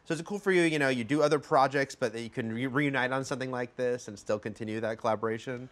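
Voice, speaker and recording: A man's voice: mid-range voice, fast talker. A man interviewing guests in a casual, easygoing way, often affirming them and laughing along.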